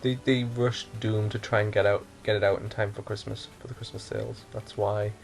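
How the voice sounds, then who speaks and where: A man co-hosting a casual podcast chat, explaining at length, thinking out loud and correcting himself. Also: fairly low pitch, little pitch movement, brisk, creaky, soft background music. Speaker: podcast co-host.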